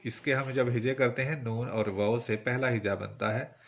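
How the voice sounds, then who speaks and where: A man's voice: medium pitch, steady tone, moderate pace. A man from Pakistan with a Punjabi-tinged Urdu accent, teaching a poetry lesson patiently and breaking words into syllables. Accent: Punjabi-influenced Urdu. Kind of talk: instructional lesson.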